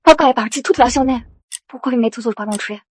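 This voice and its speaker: A woman voicing a wary, sceptical child in an animated village drama. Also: on the high side, fast talker. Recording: clear background noise.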